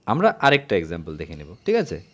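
Husky-voiced male grammar teacher. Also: low-pitched, wildly swooping pitch. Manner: keeps asking "ঠিক আছে?" in a rising tone; reads English examples slowly. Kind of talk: explaining grammar lesson.

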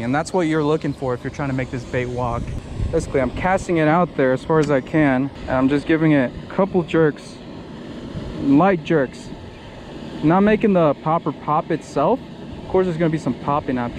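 A young man, chatting casually and excitedly while fishing from rocks at a park pond, rambling through explanations with lots of fillers. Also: mid-range voice, noisy background. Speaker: fishing vlogger. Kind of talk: casual outdoor fishing vlog. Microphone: head-mounted action camera.

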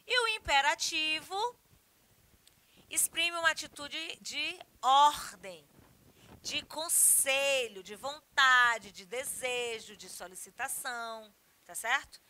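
Bright, emphatic Brazilian woman teaching. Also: high-pitched, takes it slowly. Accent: Brazilian Portuguese. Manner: expressive, emphatic, checks in with "tá certo?". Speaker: Portuguese language teacher. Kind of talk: recorded classroom lesson.

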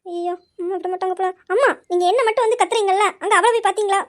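Comic skit: a woman as a cheeky, whiny teen daughter, high pitched. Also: racing. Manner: whiny, cheeky, talks back. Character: cheeky, lazy, sulky girl who oversleeps. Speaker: lazy teenage daughter in a family skit. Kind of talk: comic family skit acting.

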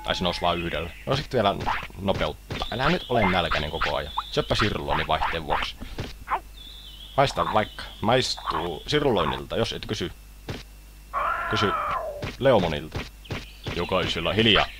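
Goofy Finnish let's player. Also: male voice, deep voice, animated, long pauses, very noisy. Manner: goofy, keeps voicing the game creatures. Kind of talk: playful game commentary. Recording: loud game music behind.

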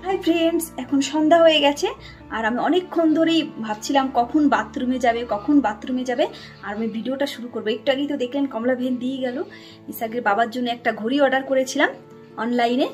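A woman in her family home speaks straight to her viewers in an easy, chatty vlog style. Her voice sits high and bright in pitch. Faint background music plays under her talk. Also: fairly quick. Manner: chatty, lively, addresses viewers directly. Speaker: vlogger and mother.

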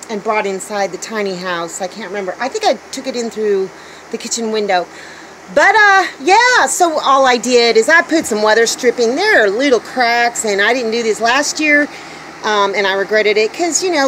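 A woman's voice: fairly high pitch, expressive, moderate pace, a bit bright, slight background noise, poor audio. A middle-aged woman talking casually to a handheld phone camera in her tiny house, chatty and upbeat, thinking aloud. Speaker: homesteading vlogger. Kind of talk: casual vlog narration. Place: small tiny house, indoors, and garden outdoors.

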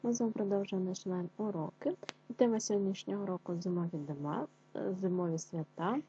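A woman teacher leading an online reading lesson for young children, speaking clearly and repeating phrases for them to follow. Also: medium pitch, dark tone, lo-fi sound, slight background noise. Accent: Ukrainian. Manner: clear, slow syllable-by-syllable dictation for children. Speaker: primary school teacher.

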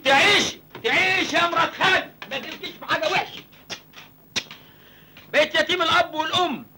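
An actor with an Egyptian accent playing a naive, orphaned village youth who is always hungry, wheedling and joking in film comedy. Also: male voice, very high-pitched, fast, noisy background. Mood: pleading. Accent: Egyptian Arabic. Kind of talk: 1980s film comedy acting.

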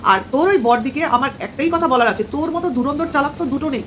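A woman with a Bengali accent rattles off a sarcastic, scolding commentary at a quick clip. Her voice sits high and sharp. A faint room hum runs underneath. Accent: Bengali, Kolkata area. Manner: scolding, sarcastic, addresses the target directly with informal "tui". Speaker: vlogger commenting on another creator. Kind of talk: heated commentary monologue.

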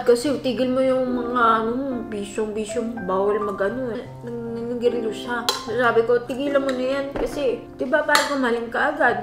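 A young woman hosting her own vlog, recalling family memories in a soft, reflective way and slipping English phrases into her Tagalog. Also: fairly high pitch. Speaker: vlog host. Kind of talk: casual chat and personal storytelling. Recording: roomy sound with background music.

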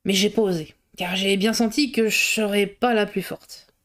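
A woman's voice: mid-range voice, fairly even intonation, normal speed, close to an everyday voice. Breathless rambling gossip cook, as a woman reader puts her on, chatty and colloquial. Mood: gossipy.

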